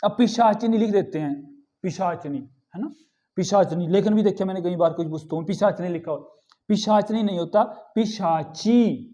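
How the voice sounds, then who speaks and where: A man teaching a grammar lesson, repeating each word slowly and asking the students questions before answering them himself. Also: high-pitched, dark tone.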